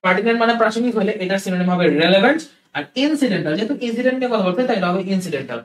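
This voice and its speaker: A man's voice: sits high, expressive, very fast. Echoey man teaching vocabulary. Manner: explains step by step, repeats key words, asks "ঠিক আছে?". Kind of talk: classroom lecture. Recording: roomy echo, voice from a distance.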